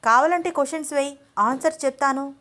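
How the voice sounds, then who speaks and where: A woman's voice: high voice, quick pace, a bit bright, voice pushed up. A woman voicing a headstrong young wife and student who answers back in a pouty, defiant way. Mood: sulky.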